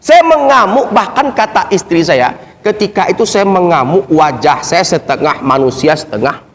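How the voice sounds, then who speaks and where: A male preacher tells a story with high, very animated pitch. He drops to soft talk and then climbs to shouting. A long hall reverb rings behind him. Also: moderate pace. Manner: dramatic, swings from soft to shouting. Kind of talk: emotional storytelling sermon.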